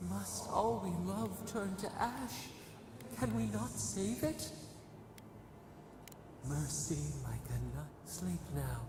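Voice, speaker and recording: A slow, deeply gravelly spirit murmurs cryptic words about itself as "we". The voice rings through an echoey space over a steady hiss of noise. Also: heavily acted. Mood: mournful. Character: eerie plural spirit voice, ancient and mournful. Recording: echoey game audio with noise.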